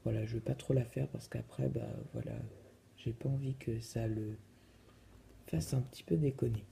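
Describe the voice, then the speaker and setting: A man's voice: mid-range voice, steady tone, moderate pace, gravelly, warm tone, a little hiss or hum. A man casually reviewing a phone in his vlog, hesitant and full of fillers. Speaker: vlogger.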